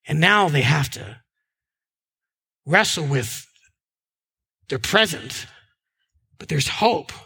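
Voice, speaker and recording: A man's voice: high-pitched, vocal fry, bright, forceful tone, breathy edge. A man preaching a sermon as a pastor, earnest, and now and then repeating words.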